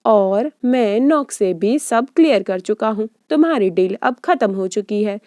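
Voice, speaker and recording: A woman's voice: mid-range voice, expressive, a little slow, darkish tone, no echo, studio quality, natural voice. A woman voicing an earnest young man who pleads for a chance, read in her own voice as part of a drama recap. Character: young man, shy boy turned bold suitor.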